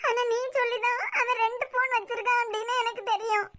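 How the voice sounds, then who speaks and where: A woman's voice: extremely high pitch, level tone, fast, bright, forceful tone, slight background noise. A woman voicing a heartbroken young woman in a cartoon series, crying and pleading, with a Kanyakumari Tamil accent. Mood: tearful. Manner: tearful, pleading.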